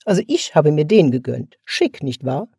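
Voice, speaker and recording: A man reading aloud voices a sharp-tongued older sister who mocks and reproaches her brother. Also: on the high side, very animated, normal speed, vocal fry, husky, no room sound, clean studio sound, full character voice. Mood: scornful. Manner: mocking, reproachful.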